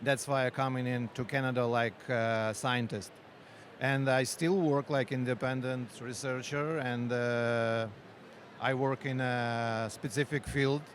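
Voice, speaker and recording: Faint street and vehicle noise underlies this conference interview with a founder and researcher. He speaks halting English in a Ukrainian accent, with a medium-pitched, steady voice and frequent pauses and fillers.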